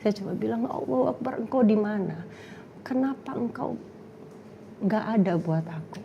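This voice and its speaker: A woman's voice: mid-range voice, lively intonation, normal speed, vocal fry, muffled recording, background noise. A young woman telling her story in casual chat, acting out quotes and laughing often. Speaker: guest sharing testimony.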